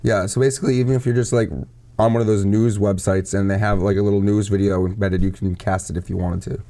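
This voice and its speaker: A man co-hosting a live tech chat show, explaining news in a relaxed, easygoing way. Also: lowish voice, fast talker, slight background noise. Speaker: co-host.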